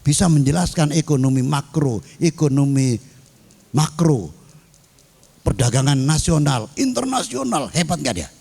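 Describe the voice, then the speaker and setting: A man's voice: a little high, sing-song, unhurried, gravelly, a little mellow, slightly rough. A male cleric delivering a sermon in a humorous way, often throwing questions to his audience. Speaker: cleric and mosque council chairman.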